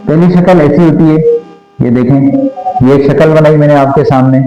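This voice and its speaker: A man's voice: on the high side, fairly even intonation, normal speed, dark tone. A man teaching Quran letter pronunciation, patiently repeating each sound so learners can copy it. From Pakistan. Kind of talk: slow Quran recitation lesson. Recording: echoey room with faint music.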